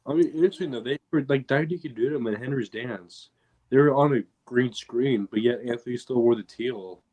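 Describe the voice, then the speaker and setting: A man's voice: mid-range voice, moderate pace, a little mellow. A man co-hosting a casual fan podcast, recalling details in a thoughtful, hedging way. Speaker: podcast co-host.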